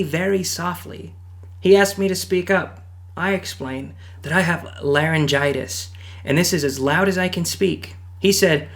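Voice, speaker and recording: A man's voice: on the high side, fairly bright tone. A man hosting a show, reading online posts aloud and joking about them, often laughing between lines. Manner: jokey, laughs often, quick asides. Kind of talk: casual read-aloud with commentary.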